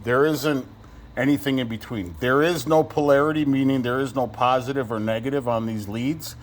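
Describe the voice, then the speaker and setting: A man's voice: mid-range voice, steady tone, moderate pace. A middle-aged man casually explaining truck air switches in his cluttered workshop, rambling and correcting himself as he goes. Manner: rambling, self-correcting, frank. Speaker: vlogger working on his truck.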